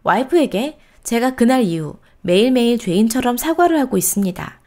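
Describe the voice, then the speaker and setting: Woman with a lively, high-pitched reading voice. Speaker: storytelling channel host. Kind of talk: reading a reader's post aloud.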